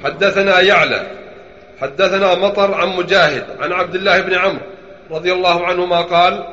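A man reads hadith chains aloud in a high, bright voice, with a formal recitation that stumbles here and there. The room has a lot of echo, and the recording sounds dull. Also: fairly even intonation, fairly quick. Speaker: student reading a text aloud.

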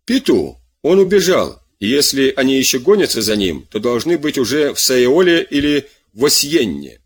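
Frightened young daughter read by a man, higher, pleading. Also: big pitch swings, normal speed, breathy edge.

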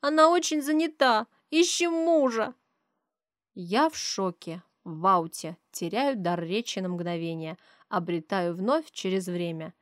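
Woman audiobook narrator, first-person, expressive and steady, dry studio sound. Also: on the low side, dry recording.

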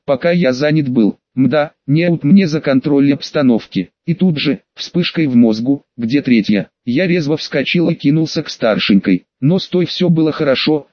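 A man's voice: fairly high pitch, no echo. A man reading a first-person audiobook in a wry, conversational storytelling manner. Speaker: audiobook narrator. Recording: dull lo-fi dry recording.

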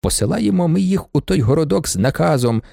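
A man's voice: a little high, expressive, a little fast, creaky, dark tone, dry recording, studio quality, exaggerated voice. A man reading the part of an emotional older male estate manager recalling his cavalry days, in a fond, tearful storytelling manner. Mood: reminiscing.

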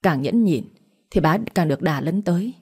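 A woman's voice: fairly low pitch, lively intonation, brisk, darkish tone, breathy edge. A woman voicing a middle-aged father who pleads and reproaches his wife. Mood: indignant. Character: aggrieved middle-aged father, patient then angry.

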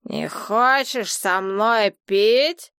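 A woman voicing a tipsy, capricious young woman who talks in a slow, slurred and whiny way, recorded dry and close. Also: medium pitch, fairly bright tone, smooth, no echo. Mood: bitter drunk.

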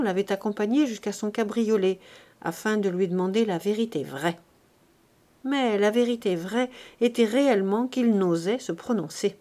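A woman narrating a classic novel in a measured, even storytelling manner. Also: mid-range voice. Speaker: audiobook reader.

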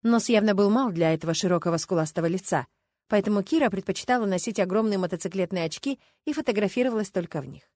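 A woman's voice: medium pitch, quick pace, a little mellow, no room sound. Woman narrating an audiobook, dry close sound. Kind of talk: scripted narration.

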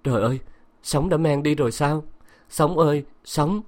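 A man's voice: a little high, normal speed, a little mellow, voice pushed up, close to an everyday voice. A man voicing a delirious feverish young woman. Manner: drifting, wandering delirious talk.

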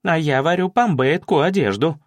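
Мужчина озвучивает упрямую молодую жену, которая возмущённо спорит. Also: male voice, a little high, lively intonation, fairly quick, no echo, clean studio sound, voice pushed up, lightly acted. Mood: indignant. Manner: indignant, stubborn. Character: stubborn indignant young wife.

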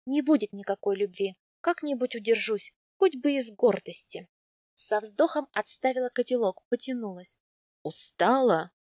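A woman's voice: on the high side, normal speed, warm tone, no room sound. Woman narrating an audiobook, dry. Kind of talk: first-person scripted narration.

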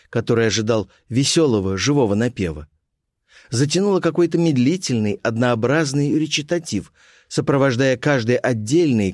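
A man narrating a classic story in a measured, expressive storytelling manner. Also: mid-range voice, no echo, studio quality. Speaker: audiobook narrator.

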